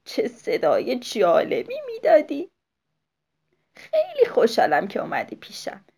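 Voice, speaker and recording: A woman's voice: a little high, huge pitch swings, dark tone, husky, exaggerated voice. A woman voicing a kind, lonely old woman in a children's story, speaking in a soothing, wise way.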